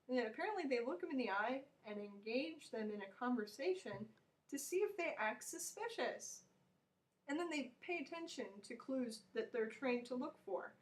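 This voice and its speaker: Blunt American woman ranting casually. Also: rough recording. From United States. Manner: blunt, opinionated, rambling with restarts. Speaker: vlogger. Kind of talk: casual opinion rant to camera. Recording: low-volume home recording.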